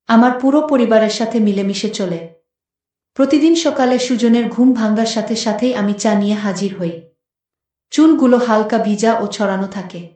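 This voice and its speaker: A woman's voice: mid-range voice, a little mellow, distant mic. Woman storyteller in a very echoey room. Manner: plain, conversational storytelling. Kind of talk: first-person story narration.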